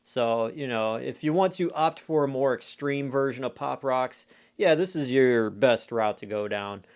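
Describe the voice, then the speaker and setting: An adult man talks through a casual food review at a middle pitch. His delivery is conversational and rambling, as if thinking aloud, with plenty of everyday filler phrases. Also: a little slow, darkish tone. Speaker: candy reviewer.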